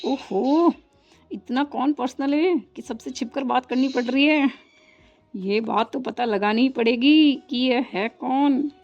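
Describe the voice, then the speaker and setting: A woman's voice: high-pitched, lively intonation, moderate pace, warm tone, highs cut off, faint music behind. A woman doing a teasing young man. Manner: teasing, laughing. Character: gently teasing young man, Liya's friend.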